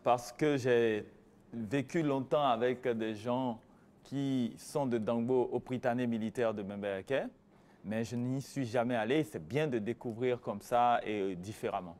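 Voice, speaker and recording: A man's voice: medium pitch, measured pace, a little mellow. A man co-hosting a TV studio chat, talking in an earnest, emphatic way. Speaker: studio co-host. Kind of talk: casual chat.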